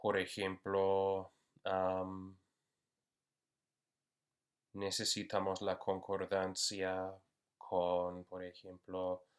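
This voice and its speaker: A man giving an unscripted university lecture, slow and hesitant with many fillers. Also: sits low, monotone. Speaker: university Spanish instructor.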